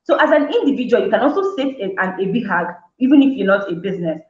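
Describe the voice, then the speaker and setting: A woman's voice: medium pitch, sing-song, fast talker. A woman talk-show host explains her topic in a casual, chatty way, breaking into the amazed reactions of imagined listeners and often restarting words. Her voice sits in a middle range. The recording is roomy and slightly dull, as if made on modest equipment in an echoing space.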